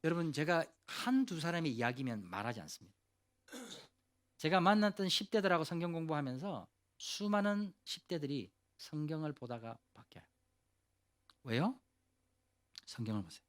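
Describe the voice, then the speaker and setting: A male pastor giving a youth sermon, telling a story in an animated, casual way and asking the listeners questions directly. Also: on the high side, normal speed, long pauses. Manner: asks the audience questions directly.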